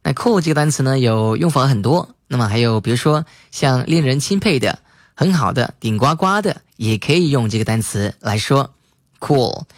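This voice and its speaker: A man teaching English vocabulary, spelling words letter by letter and repeating example sentences slowly. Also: medium pitch, lively intonation, no echo, studio quality. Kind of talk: spoken English lesson.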